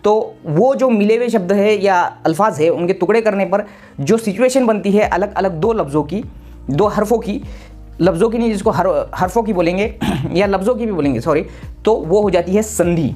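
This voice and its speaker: A man's voice: high voice, moderate pace, a little mellow, faint music behind. A man from Maharashtra, a teacher giving a casual exam-prep lesson, explaining with many repeats and restarts. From Maharashtra, India.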